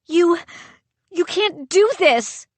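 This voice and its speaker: A woman voicing a frightened young kid who cries out and pleads in a high voice. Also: lively intonation, extremely slow, no echo, heavily acted.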